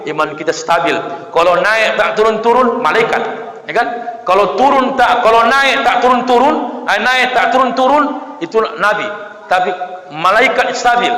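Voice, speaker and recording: Lively high-voiced preacher in an echoing mosque. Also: male voice. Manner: lively, acts out voices of villagers, jokes with the audience. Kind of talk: humorous sermon to a congregation. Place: mosque hall. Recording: echoey hall with long reverb.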